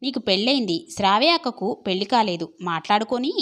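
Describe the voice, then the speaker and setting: A woman's voice: medium pitch, expressive, quick pace, fairly bright tone, lightly acted. A woman voicing a cheeky younger brother who teases his sister in an audio story.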